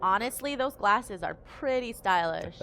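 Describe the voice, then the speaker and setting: A woman commentating a televised poker final table, giving upbeat, clear play-by-play. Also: mid-range voice, animated, measured pace, bright, forceful tone.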